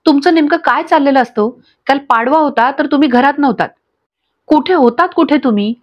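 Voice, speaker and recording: A meek middle-aged wife speaks through tears, as a woman narrator reads her. The voice is fairly high, and the recording sounds dull and lo-fi. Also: a little fast, lightly acted. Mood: tearful. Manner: tearful, pleading.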